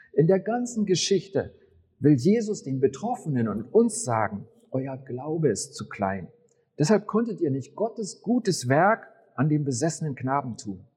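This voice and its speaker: A man preaching a sermon, telling a story and acting out the figures' lines in a lively voice. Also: fairly high pitch, husky, in a large hall.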